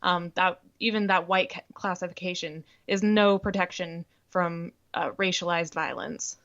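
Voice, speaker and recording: A woman's voice: fairly low pitch, a little slow, a bit bright. Woman co-host on a dull, lo-fi line. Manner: earnest, with hesitations and restarts. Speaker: podcast co-host. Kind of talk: casual history discussion.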